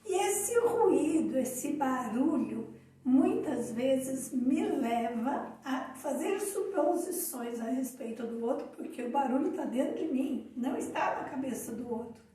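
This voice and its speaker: Mellow high-voiced Brazilian woman, echoey room. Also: measured pace. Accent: Brazilian Portuguese. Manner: calm, reflective, tells anecdotes. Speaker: co-host of a live talk on emotional awareness. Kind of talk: live conversational storytelling. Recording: echoey room, far from the mic.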